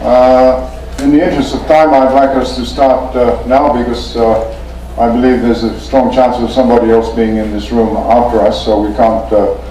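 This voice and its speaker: A man runs a formal meeting in a polite, measured voice, pausing often as he speaks. His tone is mellow. He sounds set back from the mic in an echoey conference room with a faint hum of ambience. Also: mid-range voice, little pitch movement, distant mic. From Fiji. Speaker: meeting chair.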